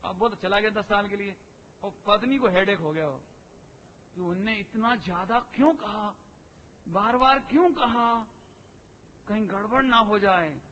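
A man preaching a sermon to an assembly, lively and full of rhetorical questions to his listeners. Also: high voice, a little slow, pauses often, a little hiss or hum. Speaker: Jain preacher. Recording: echoey hall, dull lo-fi sound.

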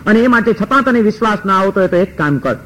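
A male storyteller voicing a wise, calm male sage who speaks in a measured, reassuring way. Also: sits high, low-quality recording.

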